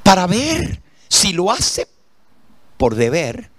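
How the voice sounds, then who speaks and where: Middle-aged pastor guy preaching, storytelling, kinda high voice, lots of pitch swings. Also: slow pace, no room sound. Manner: animated, storytelling with rhetorical questions to the congregation. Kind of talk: sermon.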